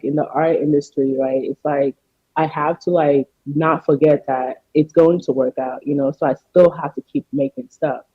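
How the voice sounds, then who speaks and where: Higher-voiced American man, earnest and informal. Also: no echo, highs cut off. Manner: informal, earnest, frequent "you know" and "like". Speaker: podcast guest, artist. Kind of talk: casual interview chat.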